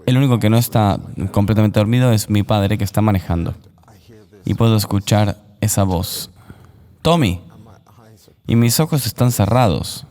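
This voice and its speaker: A man recounting a personal testimony as an interview guest, in an earnest, measured voice-over. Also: on the low side, mellow, long reverb tail.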